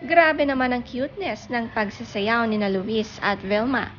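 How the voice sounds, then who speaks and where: A woman's voice: fairly high pitch, expressive, a little slow, fairly bright tone, dull audio, slight background noise. A woman reading a chatty, gushing showbiz gossip narration. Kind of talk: scripted narration.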